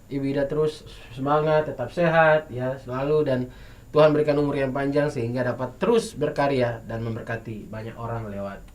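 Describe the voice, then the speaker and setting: A man with an Indonesian accent hosting a TV and radio talk show, upbeat and announcer-like, with some fillers. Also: mid-range voice.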